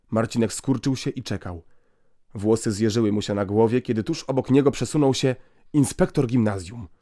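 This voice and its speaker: A man narrating an audiobook in a steady, clear storytelling voice. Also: mid-range voice, dry recording, clean studio sound.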